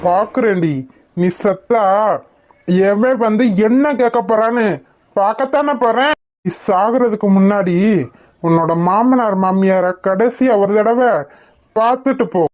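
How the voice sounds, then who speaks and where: A woman's voice: medium pitch, unhurried, pauses often, a little mellow, close to an everyday voice. Sly menacing captor, a woman voicing her. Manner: threatening, sly. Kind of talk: cartoon voice acting.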